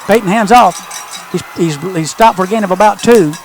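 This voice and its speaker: A man's voice: high-pitched, moderate pace, background noise. A man doing live football play-by-play as a partisan home-team announcer.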